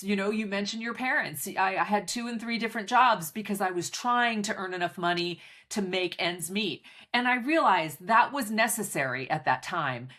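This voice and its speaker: A middle-aged woman speaks as a guest coach, her voice at an ordinary pitch for a woman. She answers candidly and steadily, in full, well-formed sentences. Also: a bit bright.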